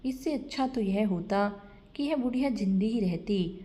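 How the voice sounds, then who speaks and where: A scared, scheming young daughter-in-law, as a woman storyteller puts her on, begging and anxious. She speaks slowly in a soft, mellow voice. This is a storybook reading. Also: medium pitch, lively intonation, natural voice. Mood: frightened. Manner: fearful, pleading.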